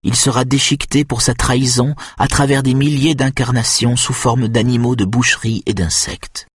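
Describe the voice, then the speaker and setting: A man voicing a solemn, eerie woman who leads a group, speaking slowly like a sermon in a storybook reading. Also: medium pitch, steady tone, husky, dry recording, studio quality, voice pushed up, natural voice. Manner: slow, solemn preaching.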